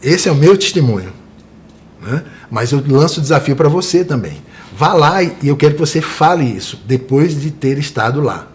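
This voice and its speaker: A man's voice: fairly high pitch, animated, moderate pace. Earnest Brazilian man, tour guide. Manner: earnest, frequent tag questions. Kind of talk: interview guest.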